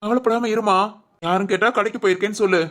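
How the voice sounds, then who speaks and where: A performer voicing an earnest, protective young adult son in an animated family drama, reassuring his mother in quick talk. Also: mid-range voice, close to an everyday voice. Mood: concerned.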